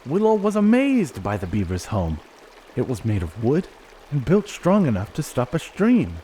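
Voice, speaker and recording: A man gently reading a children's storybook aloud in an expressive way. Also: mid-range voice, normal speed, slight background noise. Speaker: narrator.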